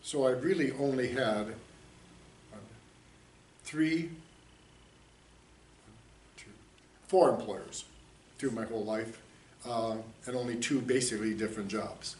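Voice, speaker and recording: An American-raised man in his sixties, a community theater director, answers interview questions in a relaxed, wandering way, chuckling as he goes. His mid-range voice is slow and a little mellow, with long pauses. The recording is roomy and echoey, picked up from a distant mic with faint hiss.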